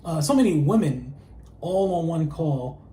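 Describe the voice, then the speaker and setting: A man co-hosting a casual chat show, speaking in a laid-back, relaxed way. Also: a little high, unhurried. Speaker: co-host. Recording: echoey room.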